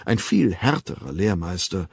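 A man's voice: sits low, big pitch swings, gravelly, breathy edge, full character voice. A man playing a cool, ironic ruler. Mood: calm superior. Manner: measured, ironic, lecturing. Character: calm worldly male ruler, dry and superior.

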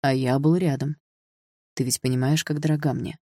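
A woman's voice: extremely low pitch, fairly even intonation, moderate pace, mellow, dry recording, clean studio sound. Woman voicing a cocky, mocking young man. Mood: smug. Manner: smug and teasing.

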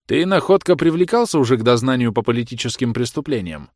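A man's voice: medium pitch, big pitch swings, quick pace, a little mellow, no echo, pitched above the performer's own voice. A man voicing a contemptuous young gendarme officer who barks orders, in a dry recording. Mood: sneering. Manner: sneering, barking commands. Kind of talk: audiobook character reading.

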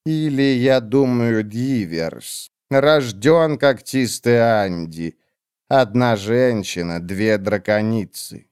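A man reading an audiobook, voicing an ancient undead witch with a slow, low, measured delivery. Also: expressive, a little mellow, clean tone, dry recording, clean studio sound. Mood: cold. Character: ancient undead female witch, cold and scheming.

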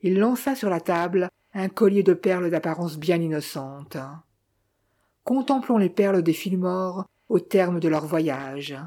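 Mellow, husky audiobook reader. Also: medium pitch. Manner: measured storytelling. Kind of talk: scripted narration of a detective novel.

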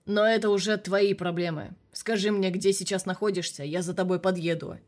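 Loud blustering older colonel on a phone; woman reader voicing him. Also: mid-range voice, fairly even intonation, fairly quick, close to an everyday voice. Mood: gruff. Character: gruff, hot-tempered older male police colonel.

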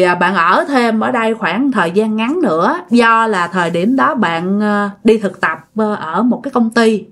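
Speaking in a medium-pitched, fairly bright voice, a Southern Vietnamese-accented woman narrates a ghost story in a casual, chatty style. She repeats words to heighten suspense and talks straight to her audience.

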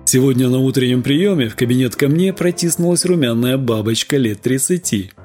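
A man reading a literary story aloud in an expressive, theatrical way. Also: medium pitch, a little fast, soft background music. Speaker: audiobook reader. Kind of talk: scripted literary narration.

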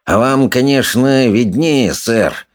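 A man's voice: mid-range voice, slow, voice pushed up, natural voice. A man reading an audiobook, voicing a treacherous, scheming male villain who fawns and hisses through his teeth. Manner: hissing through clenched teeth, shrieks when angry.

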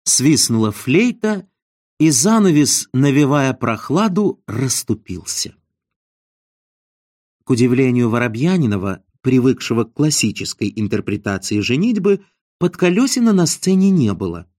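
A man narrating an audiobook in an expressive, ironic storytelling manner. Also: mid-range voice, unhurried, dry recording, clean studio sound.

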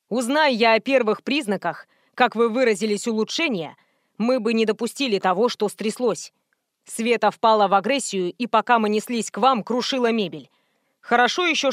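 A woman's voice: on the high side, no echo, studio quality, lightly acted. A woman reading a stern male doctor. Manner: firm and lecturing.

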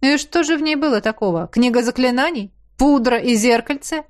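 A woman reading an audiobook, voicing a calm, stern male highlander warrior who answers curtly and without hurry. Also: close to an everyday voice. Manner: curt and unhurried.

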